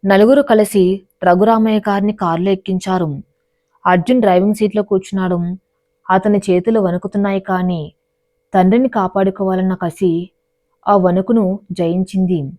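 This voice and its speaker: A woman's voice: medium pitch, steady tone, normal speed, long pauses, dark tone, no echo. Woman narrating a dramatic love story. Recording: dry, dull lo-fi voice recording.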